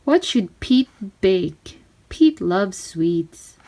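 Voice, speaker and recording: A woman reading a children's storybook aloud in simple, deliberate phrases. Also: mid-range voice, very animated, warm tone.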